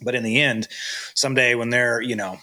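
A man's voice: medium pitch, steady tone, fairly quick, pushed and bright. A man hosting a podcast interview, talking conversationally with plenty of fillers and short backchannels. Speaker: podcast host. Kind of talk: casual interview chat.

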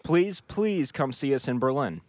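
A man's voice: medium pitch, animated, a little slow, dry recording. A man co-hosting a comedy show, reading listener mail and trading casual banter.

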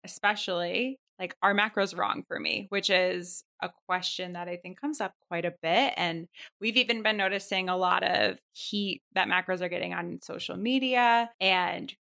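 A woman's voice: fairly low pitch, normal speed, creaky, bright, forceful tone. A woman co-hosting a podcast, chatting in a bubbly, casual way. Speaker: podcast co-host. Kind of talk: casual chat.

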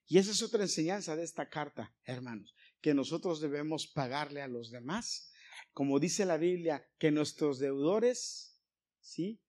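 A man's voice: fairly high pitch, expressive, moderate pace, darkish tone. A man from Mexico with a Mexican Spanish accent, preaching a sermon in a church, telling stories and asking his congregation questions. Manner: storytelling, asks the congregation questions.

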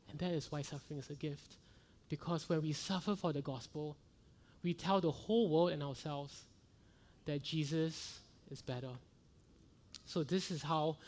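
A middle-aged pastor delivers an earnest sermon from the pulpit. His voice is fairly high for a man, and he builds to fervent rhetorical questions as he drives his points home.

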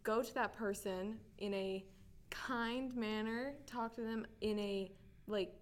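A woman's voice: medium pitch, fairly even intonation, slow pace. A woman in a group discussion adding her own view in a thoughtful, hesitant way. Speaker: discussion participant. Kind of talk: casual chat.

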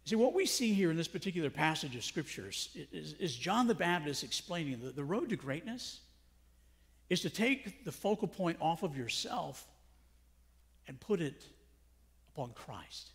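A man's voice: a little high, big pitch swings, normal speed. A middle-aged male pastor preaching a sermon in a conversational way, full of rhetorical questions. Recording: long hall reverb.

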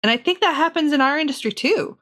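A woman in her forties co-hosting a podcast, explaining her ideas in a thoughtful, measured way. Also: sits high, lively intonation, a bit bright. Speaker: podcast co-host. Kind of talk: casual podcast conversation.

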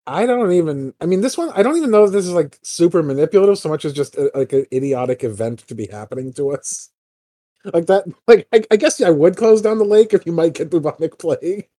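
A man co-hosts a casual political chat, rambling through his points with a steady stream of "like" fillers and occasional swearing. His voice sits a bit high but sounds mellow and dark. The sound is close and dry. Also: fast, no room sound. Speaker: podcast co-host.

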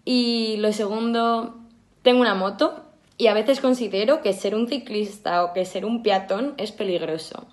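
A woman's voice: mid-range voice, normal speed. A woman with a Madrid Spanish accent, answering interview questions plainly. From Spain. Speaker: interview guest.

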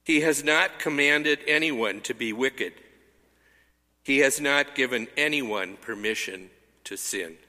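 A man reading scripture aloud as a lector in a slow, measured way, his voice ringing with cathedral echo. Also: mid-range voice, bright, forceful tone. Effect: cathedral echo, long church reverb. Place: large church. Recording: reverberant church hall.

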